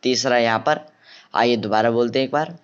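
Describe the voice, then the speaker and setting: A man teaching Vedic chanting, drawing each syllable out slowly and then explaining pronunciation briskly. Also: medium pitch, clean tone, dull audio. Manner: slow drawn-out chanting alternating with quick explanations. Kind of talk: recitation lesson.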